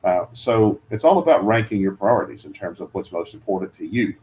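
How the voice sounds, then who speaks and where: A man's voice: deep voice, animated, brisk, a little mellow. A man giving relocation advice in a casual chat, hesitant with many fillers and restarts. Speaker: guest, relocation adviser.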